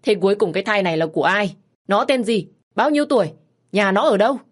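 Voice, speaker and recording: A woman voicing a loud, frantic scolding mother. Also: medium pitch, natural voice. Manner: loud, demanding rapid questions.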